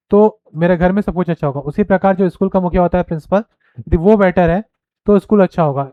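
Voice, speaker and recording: A man giving a recorded pedagogy lecture, explaining point by point and checking in with listeners, reading headings slowly. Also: high voice, clear, resonant tone, no room sound, phone-quality sound. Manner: reads headings slowly and deliberately. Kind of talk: recorded lecture, mixing Hindi and English.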